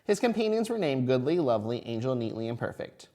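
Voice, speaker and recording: A man with a medium-pitched voice reads a children's picture book aloud, as if to a toddler. He is expressive and teacherly. He puts simple questions to his young listeners as he goes. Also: fast talker. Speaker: kindergarten reading teacher.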